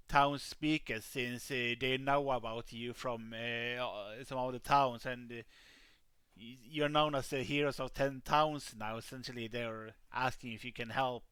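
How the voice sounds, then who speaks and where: A man's voice: medium pitch, pushed and bright, clean tone, no echo. A man running a tabletop game as game master, narrating hesitantly with many fillers.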